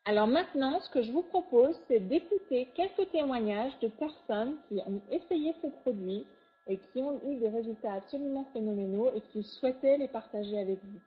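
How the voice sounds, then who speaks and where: A woman's voice: on the high side, expressive, normal speed. A woman giving an enthusiastic sales presentation over slides, full of superlatives. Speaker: product presenter. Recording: tinny phone-like audio.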